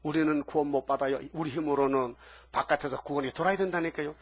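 An older man preaching a sermon, acting out biblical dialogue in animated bursts. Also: a little high, fast talker, dry recording. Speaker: pastor.

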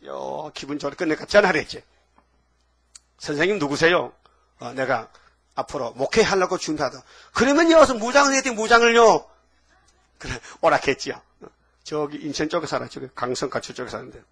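A man in his seventies preaching a sermon in a folksy, fiery way, with sudden loud outbursts. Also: a little high. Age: 70s. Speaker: pastor.

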